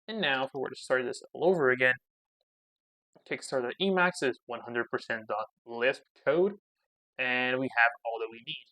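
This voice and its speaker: A man's voice: mid-range voice, sharp tone, no echo. A man talking through his own coding session as channel host, thinking aloud and muttering commands as he types. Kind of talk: casual coding screencast commentary.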